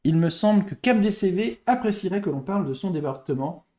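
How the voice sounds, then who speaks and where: A young man with a fairly high voice hosts a live game stream. He chats casually with his viewers, greets and thanks them, and thinks aloud as he hunts for quiz answers. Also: expressive, a little fast, warm tone. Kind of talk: casual live-stream chat while playing quiz games.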